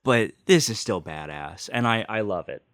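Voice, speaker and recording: Gushing like a devoted fan, this man hosts an unboxing chat for his personal video series, very enthusiastic, repetitive and freely swearing. He speaks with a fairly low, fairly bright, animated voice at a moderate pace. The sound is dry and studio-clean.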